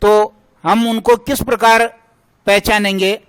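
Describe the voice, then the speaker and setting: A man's voice: high-pitched, flat delivery, a little slow, a bit bright, clean tone, dry recording, rough recording. A male teacher giving a grammar lesson, drilling points by asking a question and answering it himself.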